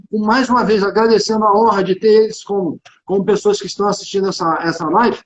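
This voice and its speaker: An opinionated tax consultant and executive from Rio de Janeiro talks business informally on a livestream, his high-pitched voice carrying a Carioca Brazilian Portuguese accent. He's emphatic and colloquial and keeps repeating phrases. There's slight background noise, an echoey room, and dull, band-limited audio.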